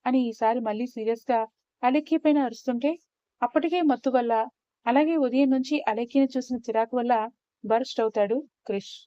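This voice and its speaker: A woman telling a dramatic story in a steady, expressive storytelling voice. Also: fairly high pitch, brisk, dry recording. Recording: slightly dull, muffled recording.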